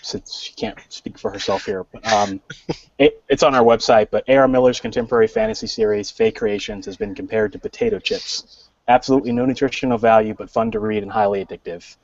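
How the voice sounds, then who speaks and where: A man's voice: on the low side, fairly quick, darkish tone, dry recording, lo-fi sound. A man co-hosting a casual podcast chat who often repeats words as he gets going. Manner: repeats words as he starts, reads a bio aloud. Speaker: podcast co-host.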